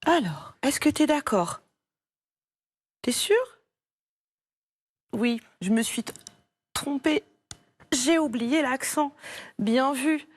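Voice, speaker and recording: A French woman teaching a primary school spelling lesson, speaking slowly and clearly, patient and encouraging as she repeats each word for a young pupil. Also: high voice, expressive. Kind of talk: slow, clear classroom instruction to a child.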